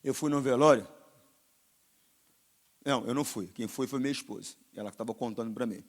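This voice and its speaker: A man with a Brazilian Portuguese accent preaching a sermon as pastor, swinging between loud exhortation and quiet, confiding asides. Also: medium pitch, fairly quick.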